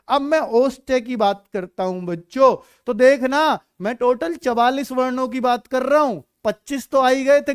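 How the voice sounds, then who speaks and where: तेज़ ऊँची आवाज़ वाला हिंदी शिक्षक. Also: male voice, very high voice, clean tone, no echo, studio quality. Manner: playful, uses silly stories and acts out children. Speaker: teacher. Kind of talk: online Hindi grammar class.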